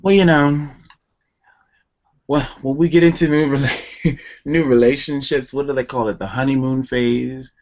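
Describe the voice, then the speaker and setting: A man's voice: medium pitch, fairly even intonation, unhurried, pauses often, a little mellow, highs cut off. A man, a poet guest, reading his love poems with emotional intensity and then talking about where they came from. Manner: emotional, intense, tender delivery. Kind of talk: slow poetry reading and interview answers.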